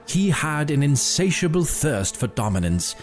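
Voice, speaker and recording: A man narrating a scripted story in a measured, dramatic storytelling manner. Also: on the high side, sing-song. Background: faint music.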